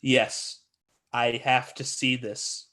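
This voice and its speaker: A man co-hosting an improvised comedy scene over a home video call, halting and melodramatic. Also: mid-range voice, little pitch movement, sharp tone. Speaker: improv co-host.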